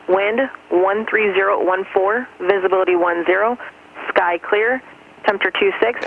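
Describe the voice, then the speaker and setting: Automated airport weather broadcast voice. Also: mid-range voice. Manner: flat, measured, formulaic readout. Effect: automated airport weather broadcast over aviation radio. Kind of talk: recorded looping airport information broadcast. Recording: tinny radio receiver with faint hiss.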